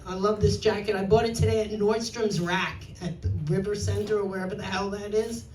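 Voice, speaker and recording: A woman's voice: mid-range voice, fairly even intonation, brisk, darkish tone, slight background noise. A woman in her sixties with a New York accent, doing a brash, self-mocking stand-up set on a club stage. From New York, USA. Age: 60s. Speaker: stand-up comedian. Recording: roomy club sound from far off.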